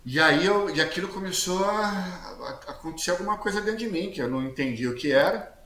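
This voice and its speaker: Loud, slangy man telling his story. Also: high voice, fairly quick. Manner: lively storyteller who acts out quoted dialogue, slangy; speaks loudly. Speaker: guest giving a testimony. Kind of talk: casual storytelling interview. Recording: echoey room with faint background hiss.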